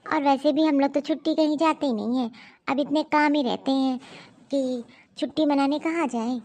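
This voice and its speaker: A woman voicing a humble, hardworking housemaid in an animated cartoon story, speaking politely and deferentially. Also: high voice, moderate pace.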